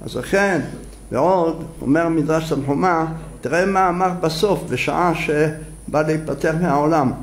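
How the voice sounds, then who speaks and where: Impassioned rabbi, gravelly and fairly high. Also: male voice. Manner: impassioned, acts out quoted dialogue with raised voice. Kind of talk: sermon. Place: synagogue.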